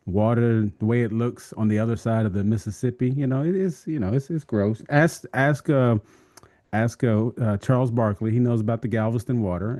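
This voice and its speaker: A man's voice: lowish voice, dry recording, clean studio sound. A middle-aged man and pastor co-hosting a podcast, joking animatedly in casual chat. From Texas. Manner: animated, joking storyteller with frequent "right?".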